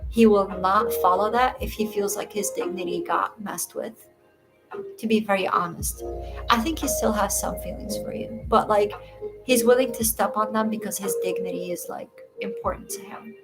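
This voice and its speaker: A woman's voice: mid-range voice, moderate pace, creaky, loud music behind the voice. A woman from Egypt doing tarot readings on a casual livestream, talking reassuringly to viewers and calling them dear. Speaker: tarot reader.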